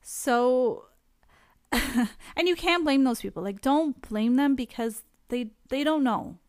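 A woman's voice: high-pitched, slow, no room sound, clean studio sound. A young woman talking casually to camera about her own experience, candid and chatty, often laughing between thoughts. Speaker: vlogger sharing her experience with anxiety. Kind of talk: casual direct-to-camera talk.

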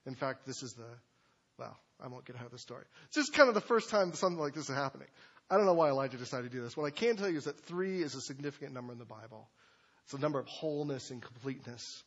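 A man's voice: mid-range voice, lively intonation, rapid-fire, breathy edge, dull audio. A man preaching a sermon as pastor, talking in a conversational way with loose asides and fillers. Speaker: pastor teaching a sermon series.

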